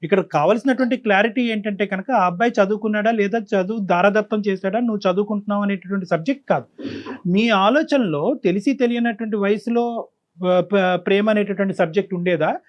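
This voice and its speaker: A man's voice: sits high, fairly quick, highs cut off. A male counselor hosting a talk show, probing and moralizing with pointed questions.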